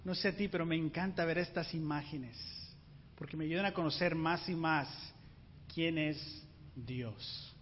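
A man preaching a sermon in an animated way, asking his congregation rhetorical questions. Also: on the high side, measured pace, slight background noise. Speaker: pastor. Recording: muffled sound with long hall reverb.

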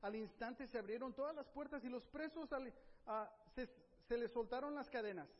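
A high-voiced man preaching a sermon, animated and full of rhetorical questions to his listeners. The sound is dull and somewhat lo-fi, with a long reverb from a large hall. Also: moderate pace. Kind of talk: sermon retelling a Bible passage.

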